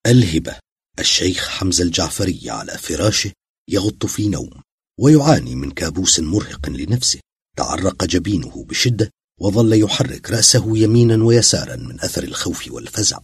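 A man narrating a dramatic audio story in a husky, expressive voice. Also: deep voice, a little fast, no room sound, studio quality.

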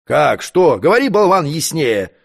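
A man's voice: a little high, very animated, measured pace, creaky, exaggerated voice. A man doing an irritable, commanding prince. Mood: imperious. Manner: commanding, scolding. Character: imperious irritable powerful prince.

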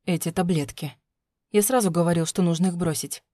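A woman's voice: on the low side, a little fast, dark tone, dry recording, clean studio sound, natural voice. A woman reading an audiobook, voicing a controlling, menacing husband who coaxes and threatens. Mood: coaxing, menacing. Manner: smooth, coaxing, then threatening through teeth. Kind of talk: audiobook narration.

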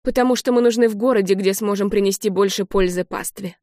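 Woman voicing a solemn middle-aged vicar, slow, measured, dry close sound. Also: medium pitch, mellow, dry recording, lightly acted. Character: grave kindly middle-aged male vicar.

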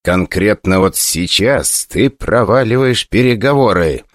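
A man voicing a hot-headed young nobleman who speaks in a sharp, indignant way in a fantasy audiobook. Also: on the low side, lively intonation, a little slow, no echo, studio quality.

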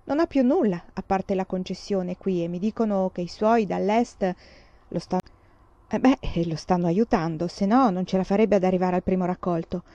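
Lady reading a laid-back amused pioneer dad, mellow voice, dull dry recording. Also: fairly low pitch, moderate pace, no room sound, natural voice. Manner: easygoing, amused. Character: good-humoured, steady pioneer father.

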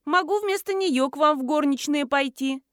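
A woman's voice: sits high, moderate pace, no room sound, studio quality, pitched above the performer's own voice, lightly acted. A woman reading an audiobook voices a brash, cheeky young village woman who talks in slang and mocks others. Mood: chatty, mocking.

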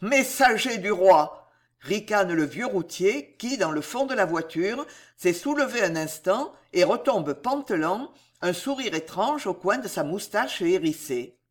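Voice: medium pitch, expressive. A reader narrating a historical novel in a dramatic, storytelling manner. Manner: slow, theatrical storytelling. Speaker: audiobook narrator.

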